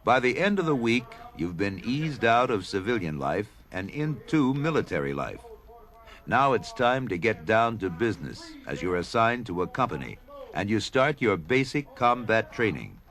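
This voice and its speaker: A man's voice: fairly low pitch, sing-song, normal speed, a bit bright. A man reading scripted documentary narration as the narrator.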